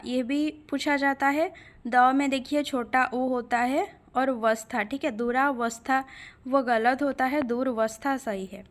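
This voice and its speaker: Slow, careful Hindi teacher, woman. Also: fairly high pitch. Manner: dictates words slowly, spells them letter by letter. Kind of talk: spelling lesson.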